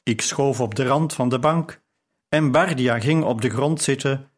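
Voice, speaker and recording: A man narrates a novel in an audiobook. He reads at a slow, deliberate pace with a measured, even storytelling delivery. His voice sits at an ordinary male pitch. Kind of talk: scripted narration.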